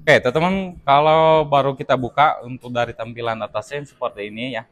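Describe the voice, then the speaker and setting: A man with a medium-pitched voice, talking a little fast, does a casual TV unboxing review, explaining things chattily to his viewers as he handles the set. He calls them teman-teman, and the recording has its highs cut off.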